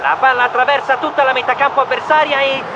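A man voicing an excited male mouse football commentator in a storybook, in rapid sports-commentary style. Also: very high-pitched, lo-fi sound, noisy background, voice pushed up.

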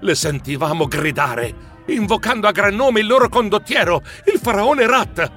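Lively male audiobook narrator, high and very expressive pitch, soft music behind. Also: normal speed. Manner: animated, dramatic.

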